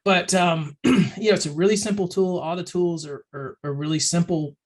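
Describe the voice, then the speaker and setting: A man whose pitch is raised for his sex presents a casual webinar for a firm advisory program, talking at normal speed in a loose, chatty, rambling way full of ums and restarts. He sounds slightly hoarse and clears his throat.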